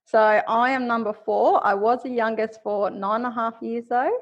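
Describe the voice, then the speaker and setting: A woman's voice: on the high side, steady tone, moderate pace, dull audio. A woman with a Queensland Australian accent chatting casually as a podcast guest.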